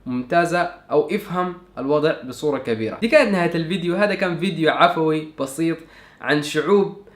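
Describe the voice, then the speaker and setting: A man's voice: a little high, quick pace, roomy sound. A young man with a Sudanese Arabic accent, chatting casually in a vlog and thinking aloud with lots of fillers. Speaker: YouTuber.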